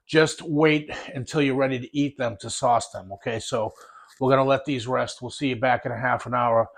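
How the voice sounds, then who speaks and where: Husky man hosting a BBQ cooking video. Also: mid-range voice, moderate pace. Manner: relaxed, talks with his mouth full while tasting. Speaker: BBQ cooking channel host. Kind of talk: casual cooking demonstration.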